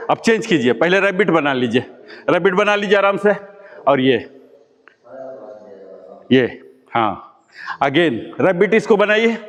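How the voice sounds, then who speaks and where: A man's voice: a little high, long reverb tail. A man leading a live brain-exercise class, patiently coaxing and repeating cues. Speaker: exercise instructor.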